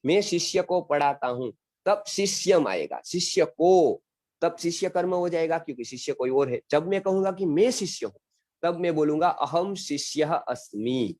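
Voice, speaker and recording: A man's voice: on the high side, animated, a little mellow, no echo. A middle-aged man from India teaching a grammar class on a video call, patiently repeating phrases and often checking that students understand. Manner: recites example sentences slowly and deliberately. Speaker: Sanskrit teacher. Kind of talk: online class explaining grammar in Hindi.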